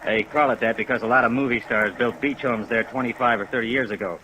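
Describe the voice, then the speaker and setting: A man playing a matter-of-fact sheriff's deputy in a 1950s radio drama, plainspoken and unhurried. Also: medium pitch, steady tone, bright, forceful tone, close to an everyday voice. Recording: noisy old radio recording.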